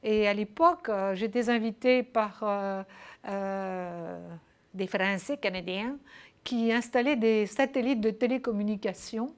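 A woman's voice: mid-range voice, fairly even intonation, measured pace, clear, resonant tone. A woman answering interview questions in a casual, hesitant way, with many fillers and restarts. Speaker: interview guest.

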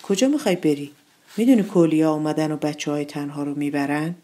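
A woman's voice: sits low, dark tone, natural voice. A woman voicing a nosy neighbor who scolds a child with questions. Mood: scolding.

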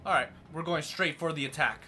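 Over soft background music, a gaming channel host casually comments on a video game as he plays, thinking aloud and laughing easily. His voice is on the high side, a bit fast, pushed and bright.

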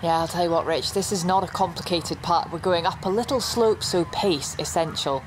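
A woman playing an on-course golf commentator in a video game, brisk and explanatory. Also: fairly low pitch, close to an everyday voice. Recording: distant voice in outdoor noise.

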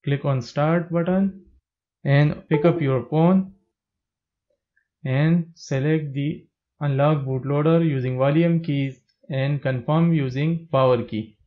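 A man with a slightly raised pitch gives calm, step-by-step instructions in a plain, steady tone. His voice-over is recorded with a dull, lo-fi sound. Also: slow pace. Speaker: tech tutorial narrator. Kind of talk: scripted step-by-step narration.

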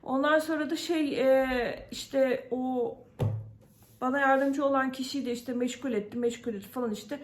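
A Turkish woman vlogger speaks to the camera in a casual vlog, her voice a little high with fairly even intonation and a moderate pace. Venting her frustration, she pauses often on fillers and acts out what others said to her.

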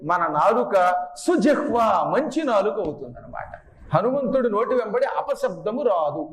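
Male devotional speaker, high pitch, chants and explains verses, teaching tone, recorded in a roomy hall with faint noise. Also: very animated. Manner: chants Sanskrit verses slowly, then explains line by line; teaches by asking the audience to voice sounds. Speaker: spiritual discourse speaker. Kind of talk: devotional discourse.

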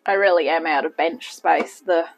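A woman's voice: low-pitched, steady tone, normal speed, vocal fry, lo-fi sound. A woman hosting a casual home cooking demonstration in her kitchen, chatty and self-deprecating with rambling asides. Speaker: home cooking channel host.

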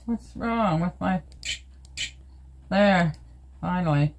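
A woman's voice: on the low side, takes it slowly, a little hiss or hum. An older woman from Canada talking casually into her phone while filming, chatting to her cat and her viewers. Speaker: vlogger. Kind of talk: casual everyday vlog. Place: home indoors, then outdoors in snow and in a vehicle. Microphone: handheld phone.

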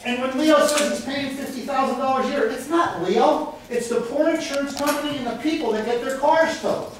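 Extremely high in pitch and speaking a little fast, a middle-aged man angrily confronts the city council at a public meeting, shouting accusations and insults. A handheld camera in the audience records from a distance, leaving the large indoor chamber echoey with faint noise.

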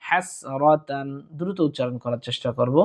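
A man's voice: medium pitch, normal speed, a little mellow. A man teaching Quran recitation rules, breaking words into syllables and then chanting the verses drawn out. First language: Bengali. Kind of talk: slow tajweed lesson, spelling out and reciting verses.

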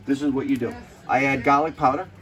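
Poor audio captures a man with a steady, fairly bright mid-range voice talking fast on his laid-back cooking show. Between jokes and curses, he wanders off into stories as he cooks.

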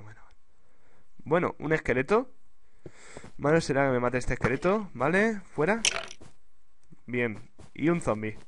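Chatty man, gaming commentary. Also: fairly high pitch. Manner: chatty, exclaims and repeats words under pressure. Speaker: gaming YouTuber. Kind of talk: Let's Play commentary. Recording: clear background noise with clicks.

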